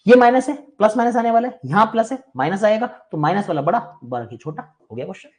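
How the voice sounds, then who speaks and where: A man's voice: high voice, very animated, quick pace, darkish tone. A man teaching a live online maths class, chatty and reassuring but firm with students who interrupt.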